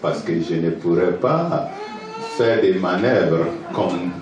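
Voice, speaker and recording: A Ghanaian pastor, a native English speaker with a Ghanaian accent, preaches a sermon in halting, hesitant French full of fillers, pausing for an interpreter. His low voice has lively intonation, captured from far off in an echoey church hall with faint noise.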